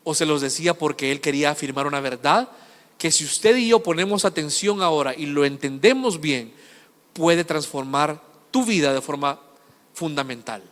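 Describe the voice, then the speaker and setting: A high-voiced man preaching a sermon, his tone bright and cutting. He moves between quiet asides and loud, emphatic runs of points, and long reverb rings around him as in a church hall. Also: normal speed. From El Salvador. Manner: impassioned, swings between hushed asides and loud emphatic lists.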